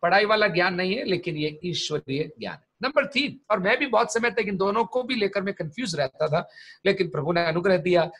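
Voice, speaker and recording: A man's voice: high-pitched, expressive, brisk, a bit bright. A man, a pastor teaching a sermon and telling stories, mixing English terms into his speech. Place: church.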